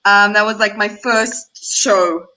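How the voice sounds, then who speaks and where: A woman's voice: medium pitch, steady tone, slow, bright, forceful tone, low-quality recording. A South African woman comedian chatting casually about her early shows. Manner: chatty, reminiscing. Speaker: guest comedian. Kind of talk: casual chat.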